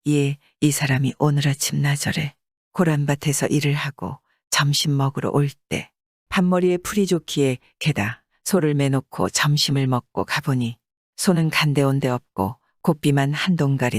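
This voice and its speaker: A man's voice: a little high, moderate pace, no echo. A humble, deferential farmer lays out his plea with bowed politeness, read by a man telling an old tale. The recording is dry and close. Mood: pleading. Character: humble male farmer petitioner, pleading politely.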